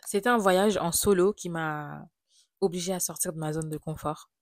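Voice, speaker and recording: Soft-spoken woman from Haiti, low voice. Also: moderate pace, dry recording, clean studio sound, soft background music. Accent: French. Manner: confiding, reflective, softly spoken. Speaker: vlogger. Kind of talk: personal travel storytelling.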